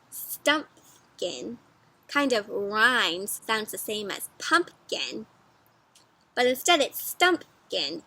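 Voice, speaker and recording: A woman reads an interactive storybook aloud to young children in an animated, teacherly way, often asking her listeners questions. Her voice is on the high side.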